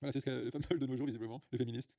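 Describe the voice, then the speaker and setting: A livestream host rants bluntly to his viewers in a casual stream, full of filler sounds and restarts. His mid-range voice is gravelly and mellow, with fairly even intonation and a racing pace. The recording is dry, with clean studio sound.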